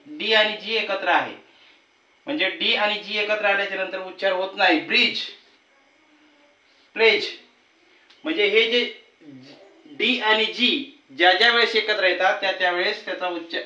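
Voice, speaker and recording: A man teaching a lesson to students, patiently explaining rules and repeating example words slowly. His first language is Marathi. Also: high-pitched, pushed and bright. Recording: roomy, slightly distant, dull sound.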